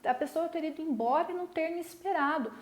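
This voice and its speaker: A woman's voice: very high-pitched, quick pace, roomy sound. A woman teacher giving a recorded school lesson, explaining patiently and often checking with her students. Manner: explains patiently, keeps asking "né?" to check understanding.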